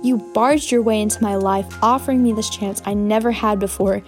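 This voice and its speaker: A woman voicing a desperate, earnest young man in an audiobook, pleading with a low-key read. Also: fairly even intonation, fairly quick, soft background music, natural voice. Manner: pleading, voice rising. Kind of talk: audiobook narration.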